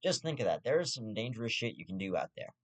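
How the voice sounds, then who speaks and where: A man's voice: on the low side, very animated, quick pace. A young man hosting his own show, ranting in profane, rambling casual commentary with stammered restarts and half-joking asides.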